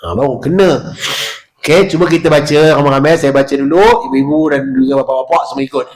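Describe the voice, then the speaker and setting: A man with a Malaysian Malay accent teaching prayer recitation at a village prayer hall, drawing out Arabic phrases slowly and stressing each sound. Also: a little high, darkish tone. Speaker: religious teacher.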